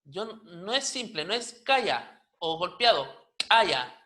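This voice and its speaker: A man with a Chilean Spanish accent teaching a pronunciation lesson, repeating example words slowly with strongly stressed consonants. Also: sits high, very animated, sharp tone, a little hiss or hum. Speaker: Aymara language teacher.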